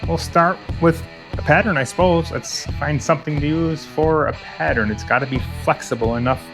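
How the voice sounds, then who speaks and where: Speaking at a moderate pace in a fairly high voice with fairly even intonation, a man hosts his own garage vlog with music in the background. He talks casually to himself and viewers while working, joking about himself, muttering asides and sometimes whispering.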